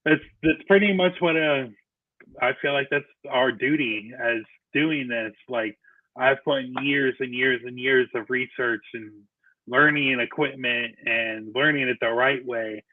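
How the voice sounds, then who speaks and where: A man's voice: medium pitch, unhurried, dry recording. Chatty man on a tinny line. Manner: chatty, rambling with restarts. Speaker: podcast host. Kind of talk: casual chat. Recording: tinny phone-line sound, dry.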